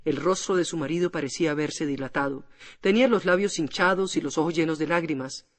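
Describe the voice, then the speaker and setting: A man narrating a classic novel as an audiobook in a measured storytelling manner. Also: on the high side. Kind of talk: scripted literary narration. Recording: long hall reverb.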